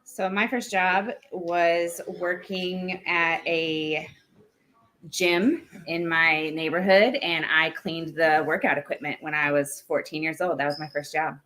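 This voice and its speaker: A woman's voice: low voice, fairly even intonation, takes it slowly, a bit bright. A woman from Missouri, a learning coach, answering school podcast questions in a plain, direct way. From Missouri, USA. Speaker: digital learning coach, guest. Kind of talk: casual interview answers.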